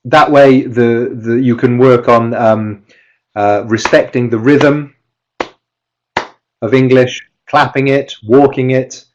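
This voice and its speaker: A man's voice: medium pitch, fairly even intonation, takes it slowly, a little mellow, dull audio, slight background noise. Man, teacher trainer, live online talk, computer mic, explanatory, frequent restarts. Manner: explanatory, with many restarts and stressed example words. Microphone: computer mic with webcam.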